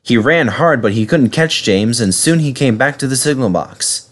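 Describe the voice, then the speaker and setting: A man narrating a children's storybook aloud in a lively, expressive way. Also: mid-range voice, normal speed. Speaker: reader.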